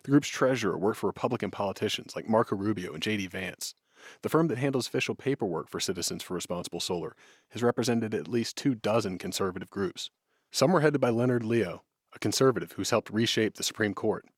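An American man narrates a scripted radio news report at a quick clip. His voice is on the low side and a little raspy, recorded very dry. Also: no room sound.

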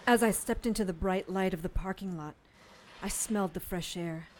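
An actress playing a first-person thriller narrator, giving scripted dramatic narration. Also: female voice, mid-range voice, moderate pace, a little mellow, slight background noise, close to an everyday voice, low-quality recording. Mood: reflective, tense.

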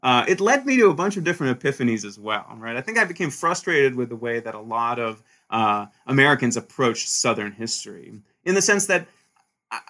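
A man from Sweden, a historian being interviewed about his book, talking in an animated way with frequent restarts and "right?" tags. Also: medium pitch. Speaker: historian, author guest. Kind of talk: conversational interview answers.

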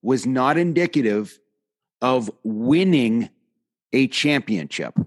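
A man's voice: medium pitch, lively intonation, slow pace. A man hosting a casual hockey podcast who argues emphatically. He piles up numbers and examples to drive his point home. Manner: emphatic, lists stats to make his point. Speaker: podcast host, former hockey player. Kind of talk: casual sports debate.

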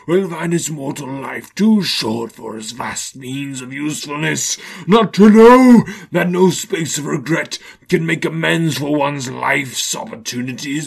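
A tormented ghost bound in chains wails and moans in a high, gravelly, breathy voice. He drags every word out slowly, heavy with remorse. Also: exaggerated voice. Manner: slow anguished wailing declamation.

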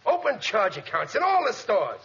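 A man playing an excitable, boastful, dim family man in a 1940s radio sitcom, stammering and blustering with bad grammar. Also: high voice, moderate pace, full character voice. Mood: expansive, boastful. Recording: noisy, dull 1940s radio recording.

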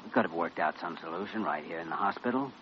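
An actor playing a calm, authoritative American doctor with terse, measured delivery in an old-time radio drama. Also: male voice, sits low, a crowd in the background. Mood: sober. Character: calm, authoritative hospital doctor, probing but fair. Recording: dull, noisy old radio recording.

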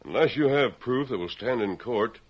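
An actor playing a firm, level-headed masked hero with clipped authority in an old-time western radio drama. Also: male voice, mid-range voice, lively intonation, moderate pace, slightly rough. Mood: firm, reasoning. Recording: muffled old radio recording.

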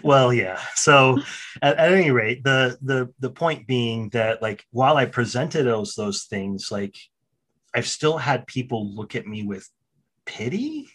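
Man, teacher, casual chat, animated, stumbles and restarts, playful. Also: mid-range voice, a little slow. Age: adult. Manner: animated, self-interrupting, repeats words, jokes. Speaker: special education teacher. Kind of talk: casual podcast conversation.

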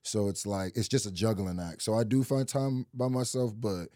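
A young rapper and YouTuber from Nebraska, USA, who spent his early childhood in Nigeria, chats as an interview guest in a lowish voice at normal speed. His talk is relaxed and rambling, full of "like" and restarts, in a studio-quality recording with no echo.

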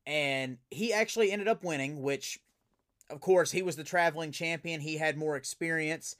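A man, a professional wrestler, telling stories as a guest in a casual interview, animated and full of fillers and restarts. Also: a little high, normal speed.

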